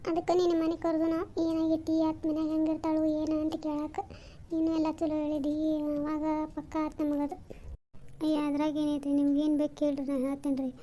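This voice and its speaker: A woman's voice: high-pitched, completely flat delivery, warm tone, slight background noise, close to an everyday voice. A woman with a North Karnataka accent voicing a chatty, bossy village woman in a cartoon comedy. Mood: confiding. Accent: North Karnataka Kannada. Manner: brisk, bossy, reassuring. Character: chatty village woman consoling her friend.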